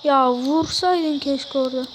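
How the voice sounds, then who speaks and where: A very high voice commentates a football video game in a casual, excitable way. The phrases come slowly, broken by loud exclamations at goals and misses. There is faint noise in the home recording. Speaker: gamer commentating own football career-mode play.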